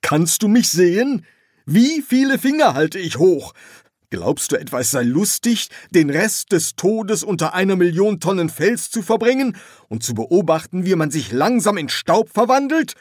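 A man's voice: mid-range voice, big pitch swings, unhurried, husky, no room sound, clean studio sound. A man doing an exasperated ghostly old pharaoh. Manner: indignant, grumbling.

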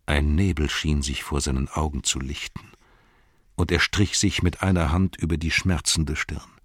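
A man reading a fantasy novel aloud in measured storytelling narration. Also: very deep voice, level tone, a bit bright, slightly rough, no echo, studio quality. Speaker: audiobook narrator. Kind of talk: scripted narration.

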